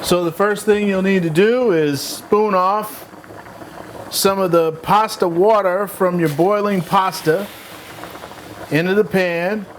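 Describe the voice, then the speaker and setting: A man's voice: high-pitched, steady tone, slow, noisy background. A man hosting his own cooking show, walking through a recipe step by step with playful, jokey asides. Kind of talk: casual cooking demonstration.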